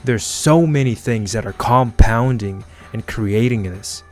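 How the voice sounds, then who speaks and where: A man hosting a reaction video who thinks aloud in casual commentary and gets excited as he talks. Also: mid-range voice, unhurried, faint music behind.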